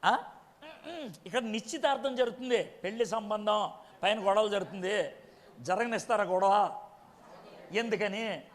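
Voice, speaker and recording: A man's voice: high voice, measured pace, pauses often, big-room sound. A man preaching a sermon, quizzing his congregation with frequent direct questions.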